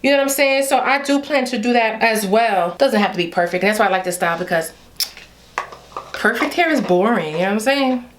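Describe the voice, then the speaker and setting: A beauty vlogger in her young adult years, Haitian with a Haitian accent, keeps things playful and chatty as she talks to "y'all" in a casual hair vlog. Her slightly high voice is expressive and brisk, with a little hiss or hum in the recording.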